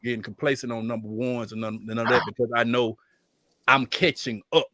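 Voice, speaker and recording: A man's voice: fairly quick, no room sound. A man, from Birmingham, Alabama, chatting animatedly as a podcast guest and telling stories with playful quoted voices. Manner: animated, jokey storytelling with raised-pitch quoted voices. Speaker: guest music producer. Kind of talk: casual podcast chat.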